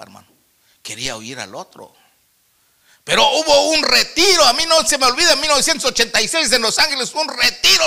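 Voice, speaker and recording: A male preacher, gravelly and bright-toned, whose high voice leaps up and down as he preaches. He tells his testimony with acted-out quotes and calls the congregation "brother," rising to loud exhortation and then dropping to near-whispers. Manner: storytelling with quoted dialogue, swinging between loud exhortation and hushed asides; addresses listeners as "hermano". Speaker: pastor. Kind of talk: sermon.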